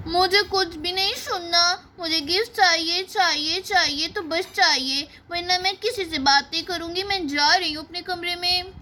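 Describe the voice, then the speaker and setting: A woman's voice: extremely high pitch, moderate pace, few pauses, bright, forceful tone. A woman voicing a spoiled younger sister who pouts and demands birthday gifts in a doll-play story. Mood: sulking. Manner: pouting, demanding.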